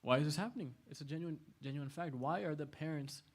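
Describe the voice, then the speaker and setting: Animated man giving an Islamic talk. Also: on the high side, quick pace, husky. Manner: conversational, animated, laughs often. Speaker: lecturer at an Islamic center. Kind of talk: casual talk to a youth audience. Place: large indoor hall.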